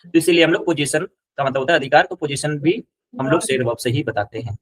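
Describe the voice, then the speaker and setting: A man's voice: mid-range voice, quick pace, dry recording. A man teaching Spanish, patiently explaining and repeating examples. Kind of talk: casual one-on-one lesson.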